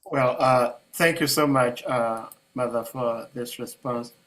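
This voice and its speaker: Slow, hesitant man moderating. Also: mid-range voice, a bit bright, slight background noise, rough recording. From Ghana. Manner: hesitant, many uh fillers, humble and careful. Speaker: moderator of an online class. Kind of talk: online devotional discussion.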